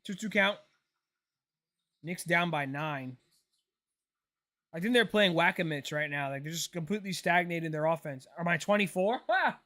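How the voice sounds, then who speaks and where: A man's voice: a little high, moderate pace, long pauses. A man in his late twenties, hosting a casual live stream, chatting loosely and answering viewers while reacting to a ball game. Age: 20s. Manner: relaxed, chatty, answers chat questions, says "bro". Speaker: livestream host.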